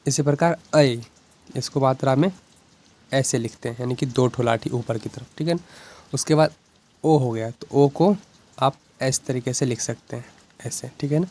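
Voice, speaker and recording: A man's voice: mid-range voice, normal speed, a little mellow. Patient man teaching the Hindi alphabet. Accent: Bihari Hindi. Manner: patient, repeats "ठीक है ना" often. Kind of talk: explanatory lesson.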